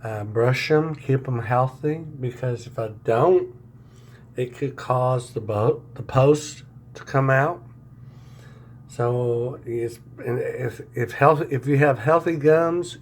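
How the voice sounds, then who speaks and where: A man talking casually in an unscripted video diary, halting and searching for words, his speech affected by new dentures and a swollen mouth. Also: mid-range voice. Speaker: vlogger sharing dental recovery diary.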